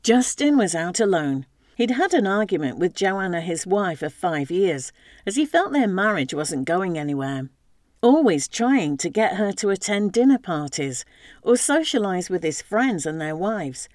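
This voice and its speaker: A woman with a lowish voice reads a story aloud in a steady narrating manner. Her intonation rises and falls a lot. The recording is dry and close, with no room sound. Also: no echo.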